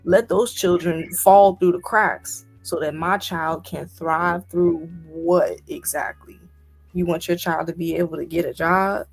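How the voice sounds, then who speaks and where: A woman's voice: fairly low pitch, steady tone, unhurried, vocal fry, husky, soft background music. A woman co-hosting a podcast discussion, talking emphatically and firing off incredulous rhetorical questions. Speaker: podcast co-host. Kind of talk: casual discussion.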